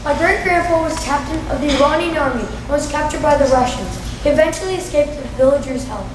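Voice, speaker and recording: A young student, high and distant. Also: female voice, quick pace. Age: child. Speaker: student performer. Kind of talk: school film recitation. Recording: echoey, distant, noisy.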